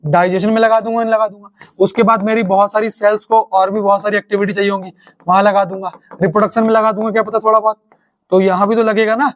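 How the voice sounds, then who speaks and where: A man teaching a science lesson, firing quick questions at his students and answering them himself. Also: high voice, little pitch movement. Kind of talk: online class lecture.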